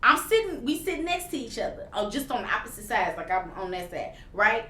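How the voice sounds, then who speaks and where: A woman tells stories in an animated, teasing way. Her voice sits a touch high and bright. She is recorded from some distance in a roomy space, with a faint hiss behind her. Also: brisk. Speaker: podcast co-host. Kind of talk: casual chat.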